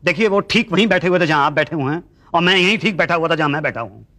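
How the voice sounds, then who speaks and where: An actor playing a polite, long-suffering middle-aged teacher, explaining patiently and deadpan in a sitcom. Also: male voice, fairly high pitch, fast talker. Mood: earnest. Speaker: history teacher seeking his degree. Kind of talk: sitcom acting.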